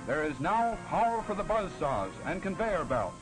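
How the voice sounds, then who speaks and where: A man narrating an old 1940s wartime newsreel in a measured, formal, polished manner, with music playing loudly behind him. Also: fairly high pitch, very animated, rough recording. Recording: narration over loud background music.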